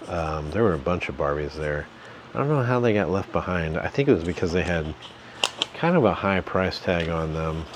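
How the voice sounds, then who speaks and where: A man's voice: low voice, background noise. A man, hosting a casual home vlog, rambling in a folksy, jokey way with lots of fillers. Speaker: channel host, reseller. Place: home basement.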